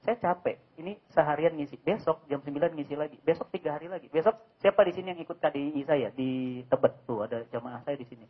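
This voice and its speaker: A man, giving a lively sermon full of jokes and rhetorical questions. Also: fairly high pitch, quick pace, slightly rough. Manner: animated, joking, asks rhetorical questions. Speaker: preacher. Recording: dull lo-fi recording.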